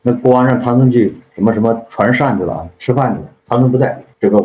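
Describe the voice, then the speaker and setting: A man's voice: medium pitch, quick pace, dark tone, slight background noise. A man casually retelling a classic story in a rambling way, full of tag questions and repeated fillers. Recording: echoey, dull lo-fi room recording.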